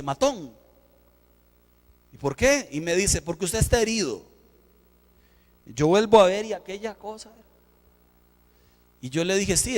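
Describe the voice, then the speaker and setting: A male pastor, preaching a sermon and telling an animated story with acted-out dialogue. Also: high voice, long reverb tail. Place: church sanctuary.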